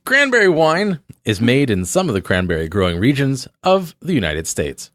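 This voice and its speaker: A man hosting a comedy podcast, reading out trivia in a dry, deliberate way. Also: medium pitch, huge pitch swings, fairly bright tone, no echo. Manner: reads facts aloud in a dry, deliberate way. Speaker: podcast host.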